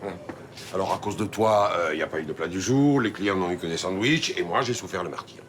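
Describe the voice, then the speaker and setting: A man's voice: sits low, a little fast, a little hiss or hum, lightly acted. An actor playing a weary bar owner who grumbles and scolds his partner, in a TV soap drama. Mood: angry. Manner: reproachful, exasperated.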